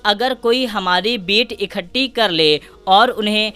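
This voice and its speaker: A woman voicing a worried male partridge bird in a fairy tale, speaking in a lowered, sorrowful voice. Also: sharp tone, clean tone, lightly acted. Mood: grave.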